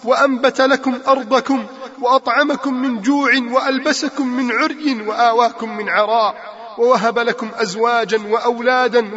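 A man with an extremely high, slightly bright voice preaches a sermon that includes Quran recitation, calling out to his listeners with repeated rhetorical questions. The recording is muffled and lo-fi, with long reverb.

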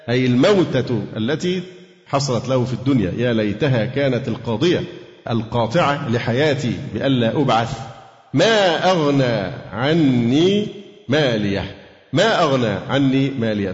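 A man with an Egyptian accent teaching a Quran commentary lesson to a class, quizzing students and reciting verses slowly. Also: medium pitch. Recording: echoey hall, dull lo-fi sound.

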